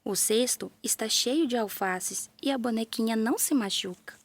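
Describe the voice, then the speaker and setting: A woman with a Brazilian Portuguese accent tells a children's story in a gentle, playful manner, adding little sound effects. Her voice is a little high and she speaks at a normal speed.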